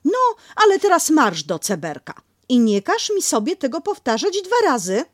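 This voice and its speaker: A woman voicing a motherly female kangaroo who talks slowly, doting but firm, in a storybook reading. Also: high-pitched, very animated, dry recording, studio quality, voice pushed up. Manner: slow, doting, bossy.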